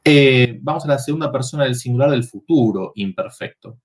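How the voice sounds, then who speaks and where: A man's voice: mid-range voice, brisk. A man teaching a university Latin workshop, explaining verb forms step by step and checking in with the students.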